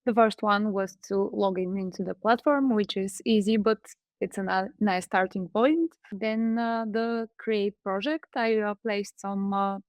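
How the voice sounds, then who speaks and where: A woman from Bulgaria presents her startup in a webinar, pausing often on fillers. Her voice sits at a middle pitch. The sound is dry and close. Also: steady tone, no echo, lo-fi sound. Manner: hesitant, frequent fillers. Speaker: startup co-founder.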